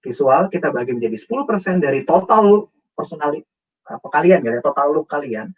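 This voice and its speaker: Husky man on distant muffled audio. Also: fairly high pitch, fast. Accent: Indonesian. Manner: animated, acts out example phrasings. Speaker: guest speaker. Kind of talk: explaining interview tips in a webinar.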